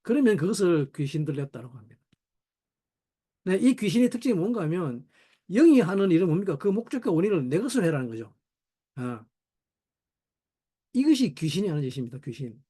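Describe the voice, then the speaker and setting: A man's voice: high voice, fairly quick, long pauses, husky. A middle-aged man teaching a Bible study in sermon style, asking rhetorical questions and voicing quoted people. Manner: animated, rhetorical questions, voices his wife in quotes.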